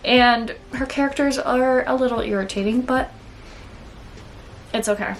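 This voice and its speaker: A woman's voice: on the high side, unhurried, a little hiss or hum. A woman with a Minnesota accent chatting casually as she reviews the books she read, peppering her talk with "like" and "okay?". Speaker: book reviewer. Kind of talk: casual monthly reading wrap-up.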